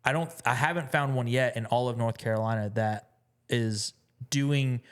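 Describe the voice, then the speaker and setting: A man chats as a guest on a relaxed podcast, his voice smooth and clear at an average pitch. He rambles through his answers with plenty of fillers and restarts. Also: moderate pace. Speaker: musician guest. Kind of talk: casual interview chat.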